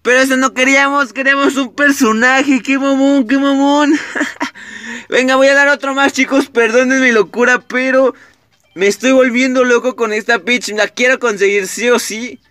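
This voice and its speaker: Young mexican man, high voice, crisp and clear, dry close sound, excitable, swears a lot, gaming commentary. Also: moderate pace, no echo. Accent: Mexican Spanish. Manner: excitable, swears often, talks straight to viewers. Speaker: gaming YouTuber. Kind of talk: casual gameplay commentary.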